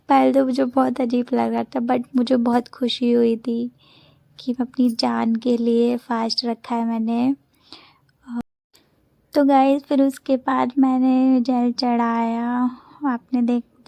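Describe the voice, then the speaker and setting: A woman's voice: on the high side, creaky, warm tone, no room sound. A woman in her twenties narrating her vlog in a chatty voice-over, telling a loose story with many restarts. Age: 20s. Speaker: vlogger.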